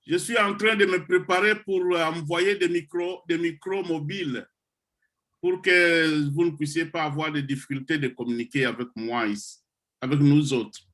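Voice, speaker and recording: Over a video call, this project founder from the Democratic Republic of the Congo, a middle-aged man, encourages the trainees in his online computer course. His delivery is slow and deliberate with pauses and hesitations, in a fairly high, steady, fairly bright voice.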